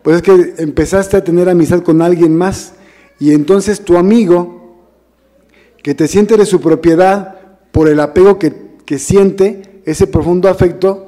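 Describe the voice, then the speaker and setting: Male minister, high mellow voice, chatty sermon delivery full of rhetorical questions to the flock. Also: in a large hall. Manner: conversational, addresses congregation as brothers, asks rhetorical questions. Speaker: minister preaching. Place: church hall.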